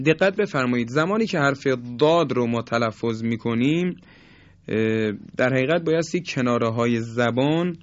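A man teaching Quran recitation rules, explaining calmly and slowly stretching out example words to show each sound. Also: medium pitch, no room sound. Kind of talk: tajweed lesson. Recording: dull, dry recording.

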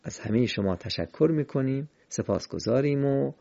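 A man teaching the rules of Quran recitation in a patient, methodical way, slowly chanting verses as examples. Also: medium pitch, animated, vocal fry, mellow. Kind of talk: explanatory lesson. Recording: dull lo-fi recording.

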